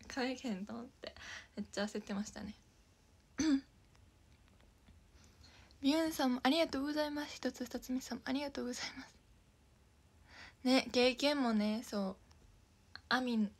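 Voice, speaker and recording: Young kansai girl streaming from home, giggly, kinda breathy voice, sits up high, half whispers stuff. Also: a bit bright. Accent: Kansai Japanese. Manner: chatty, giggly, thanks viewers by name; often drops to a whisper. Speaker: idol livestreamer. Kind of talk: casual livestream chat.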